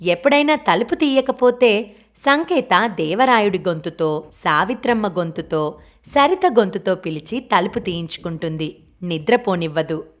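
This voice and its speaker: A woman's voice: medium pitch, lively intonation, moderate pace. Woman reading a novel aloud. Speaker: audiobook narrator. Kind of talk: novel narration.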